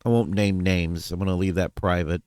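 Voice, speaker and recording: A man's voice: sits low, fairly even intonation, normal speed, darkish tone, dry recording. A man talking casually in a personal vlog update, rambling, trailing off and correcting himself as he goes. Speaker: vlogger.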